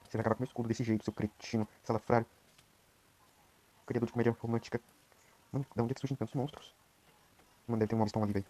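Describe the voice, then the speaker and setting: Fast, low-key Brazilian gamer guy. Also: steady tone. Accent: Brazilian Portuguese. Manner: talks quietly at night, rambling. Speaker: gameplay streamer. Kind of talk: casual gameplay commentary.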